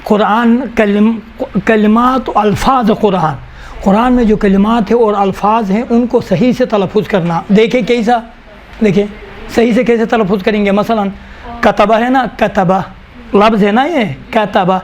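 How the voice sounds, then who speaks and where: A male teacher dictating definitions to a class, slowly repeating each phrase so students can write it down. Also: high voice, slight background noise. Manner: slow, repeats each phrase for note-taking. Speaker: Quran recitation teacher.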